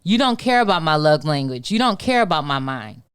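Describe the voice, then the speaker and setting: A woman from Detroit reads her spoken word poem in a defiant, rhythmic way. Her voice sits low and comes across smooth and resonant. The recording is close and dry, with no room sound. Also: very animated, fairly quick, no echo. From Detroit, USA. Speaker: podcast guest, poet. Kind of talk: spoken word poetry reading.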